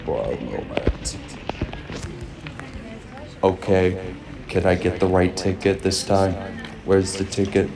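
A young man vlogging from a busy museum, joking at his own expense in meme slang. His voice sits on the low side. Crowd chatter runs underneath. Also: completely flat delivery, a little slow. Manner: jokey, self-mocking meme slang. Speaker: student vlogger. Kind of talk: casual vlog, reading museum text aloud.

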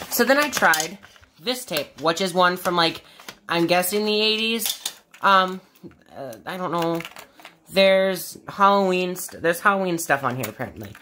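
This woman's voice is lowish with a fairly bright tone, and a little hiss or hum runs under it. She's casually vlogging a hands-on product trial indoors in a kitchen area, informal, exasperated and mildly profane as she rambles.

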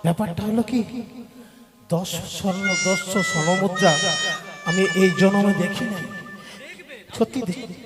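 A man playing a fussy, excitable matchmaker in live folk theatre, repeating his words. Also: high-pitched, a little slow, long pauses. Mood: eager. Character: fussy comic male matchmaker. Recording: echoey hall, live stage with music.

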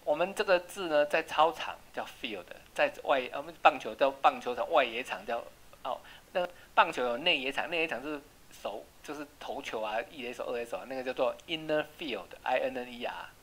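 Patient tutor spelling out English words. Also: female voice, a bass voice, lively intonation, fairly quick, a bit bright, poor audio. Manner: explains words patiently, spells out letters, drills repetition. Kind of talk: home English reading and spelling lesson.

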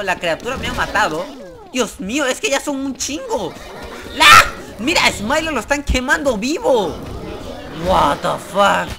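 A man giving excited gameplay commentary as a gaming YouTuber, swearing and yelping in fright. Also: very high voice. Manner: jumpy, swears, yelps and screams in fright. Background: game music.

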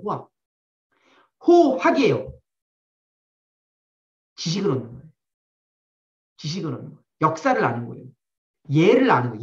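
A man giving a lecture to a live audience, blunt and animated, firing rhetorical questions at the room and slipping into slang. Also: high voice. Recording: roomy, distant, dull-sounding.

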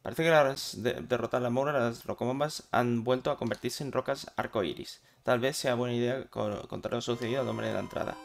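A man's voice: mid-range voice, fairly even intonation, brisk, vocal fry, few pauses, a little hiss or hum. A man with a Spain Spanish accent giving casual, swearing commentary while playing a video game. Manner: swearing, chatty, talking to himself while playing. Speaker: gaming channel host.

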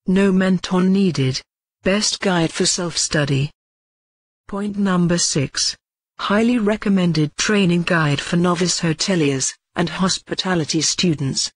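A woman narrating a scripted promotional voice-over for a training manual, reading out a list of selling points in a steady pitch. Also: dry recording.

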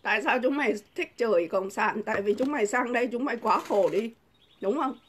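A woman's voice: on the high side, a little fast, husky. A middle-aged woman, delivering a combative, insulting vlog rant full of rhetorical questions. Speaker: vlogger. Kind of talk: angry political rant to camera.

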